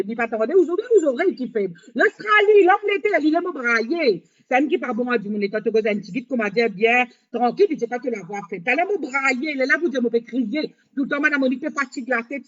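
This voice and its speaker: A woman hosting a live stream, talking in a rambling monologue with halting, repetitive, broken phrasing. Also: high-pitched. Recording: dull lo-fi sound.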